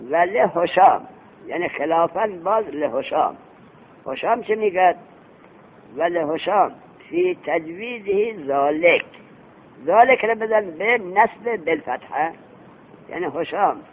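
A man teaching Arabic grammar in a classroom lecture. He quizzes his students with questions he answers himself and chants the Arabic text slowly before explaining it. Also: high-pitched. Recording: tinny phone-like recording with faint hiss.

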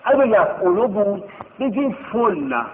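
A male teacher giving a classroom grammar lesson, drilling verb forms in a slow sing-song chant and checking with rhetorical questions. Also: sits high, sing-song, a little hiss or hum. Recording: tinny phone-like sound in a reverberant hall.

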